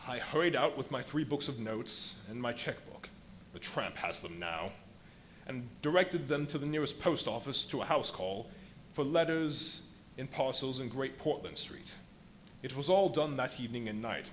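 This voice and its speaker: A man performs the feverish, volatile scientist of a live radio play, boastful and theatrical. His mid-pitched voice swings widely through ornate confessions, with emphatic pauses. Background noise from the live venue runs under it. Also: fairly bright tone. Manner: dramatic, literary phrasing with emphatic pauses.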